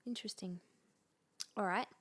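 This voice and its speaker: A woman co-hosting a podcast, asking questions and chiming in with quick agreement. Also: mid-range voice, a bit bright, husky. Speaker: podcast co-host. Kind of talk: casual chat.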